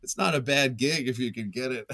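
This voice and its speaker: This interview guest, a male writer and journalist, has a mid-range voice that sounds pushed and bright, and he talks a little fast with no echo. He keeps things casual and conversational, goofy and self-deprecating, with frequent chuckles.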